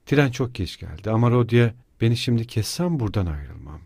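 A man's voice: mid-range voice, very animated, brisk, darkish tone, no room sound, clean studio sound. A man voicing an anxious, tearful middle-aged mother who speaks timidly and pleadingly.

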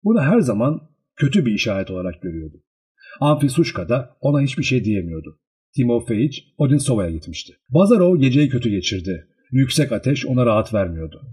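A man reads a literary audiobook aloud in a husky, mellow voice. His pitch moves up and down in a lively way, and the storytelling stays measured and expressive throughout. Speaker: audiobook narrator. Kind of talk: scripted literary narration.

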